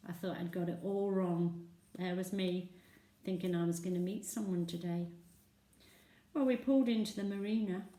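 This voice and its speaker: A woman's voice: lowish voice, gravelly, mellow. A woman, telling a chatty first-person comic monologue with sung and whispered asides. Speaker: storyteller. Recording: roomy echo, voice from a distance.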